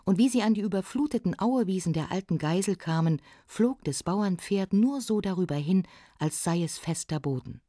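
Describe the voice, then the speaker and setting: A woman reading a folk legend aloud in an expressive storytelling voice. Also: mid-range voice, moderate pace, dry recording, clean studio sound. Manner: expressive, shifts voice for the characters.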